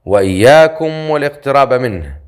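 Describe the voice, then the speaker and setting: A man voicing a stern, confident male leader in an audiobook story, with a dry, measured delivery. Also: mid-range voice, animated, close to an everyday voice. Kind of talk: audiobook character voice.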